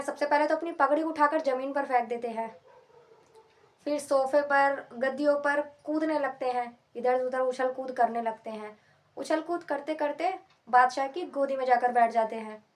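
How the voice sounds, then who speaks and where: A woman hosting her own channel, retelling a folk tale in a simple, repetitive way. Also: high voice. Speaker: storyteller and channel host. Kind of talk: spoken folk tale narration.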